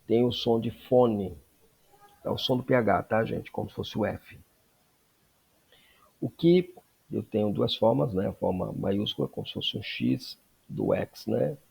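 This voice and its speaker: A man teaching a Greek lesson, explaining slowly and checking in with frequent tag questions. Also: fairly low pitch, gravelly, darkish tone, slightly rough. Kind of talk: classroom lesson.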